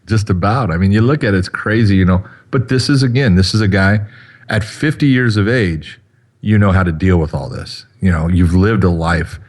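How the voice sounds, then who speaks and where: A man's voice: low-pitched, moderate pace. A man in his fifties co-hosting a podcast in casual chat, talking in a rambling way with lots of fillers. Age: 50s. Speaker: podcast co-host.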